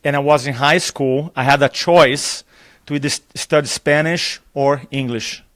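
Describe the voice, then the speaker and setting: A Brazilian man, a native Portuguese speaker with a heavy accent, appears as a guest at a conference venue, where he works as a public speaking trainer. He tells stories animatedly in an enthusiastic live interview, acting out dialogue and laughing often. His voice is medium-pitched at a normal speed, recorded with clean studio sound and no room noise.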